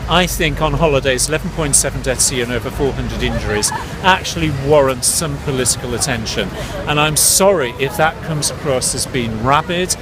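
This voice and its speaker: On a busy city street with traffic and crowd noise, a UK consumer campaigner talks briskly to viewers in a medium-pitched voice. His outdoor campaign vlog is earnest and direct.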